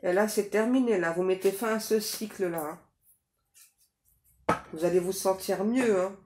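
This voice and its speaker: A woman's voice: mid-range voice, normal speed. A woman giving a casual psychic reading to viewers, talking in a chatty way with many fillers and tag questions. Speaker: psychic reader. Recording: echoey room, faint noise.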